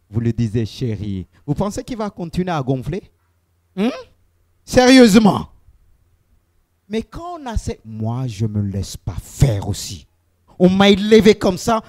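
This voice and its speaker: A man preaching with a high, lively voice that swoops up into loud exclamations and drops low into quiet asides. He speaks straight to his congregation as their pastor, now and then taking on the voices of quarrelling spouses. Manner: addresses the congregation directly, mimics quoted spouses. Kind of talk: sermon.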